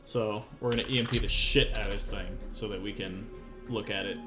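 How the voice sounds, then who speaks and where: Lowish-voiced man, casual game stream commentary. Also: steady tone, a little fast. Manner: informal, sweary. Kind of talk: casual live playthrough commentary. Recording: loud game music behind.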